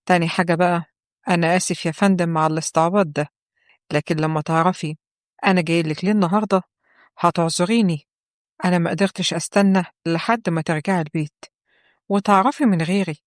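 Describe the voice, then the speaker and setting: A woman's voice: on the low side, steady tone, quick pace, dry recording, studio quality, natural voice. Woman voicing a teasing Egyptian young man. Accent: Egyptian Arabic. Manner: playful, teasing.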